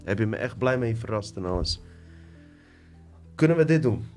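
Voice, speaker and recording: A man hosting a casual podcast, relaxed and slangy, talking to his guest and his viewers. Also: lowish voice, normal speed, faint music behind. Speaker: podcast host.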